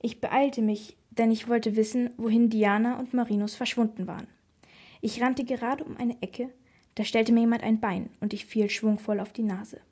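A woman narrates a children's detective story with lively, expressive delivery. Her voice sits on the higher side and carries a soft, breathy edge. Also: normal speed. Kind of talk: audiobook reading for children.

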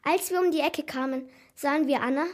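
A woman narrating a children's story in an animated, dramatic first-person telling. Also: high voice, a little fast.

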